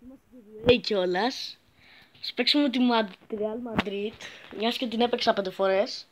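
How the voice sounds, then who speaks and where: A male YouTuber giving joking, crude gameplay commentary that bursts into excited shouts. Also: high voice, slight background noise, low-quality recording. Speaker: gaming YouTuber.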